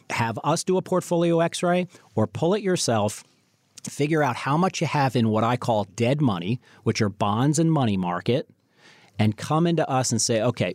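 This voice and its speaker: A man's voice: mid-range voice, darkish tone, no room sound. Man giving emphatic financial advice, dry sound. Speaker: financial radio show host. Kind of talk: unscripted advisory sales talk.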